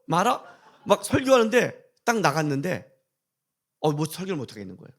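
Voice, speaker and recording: A male pastor preaching a sermon, telling stories with blunt humor and mock curses, swinging between quiet asides and loud outbursts. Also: on the high side, very animated, a little fast.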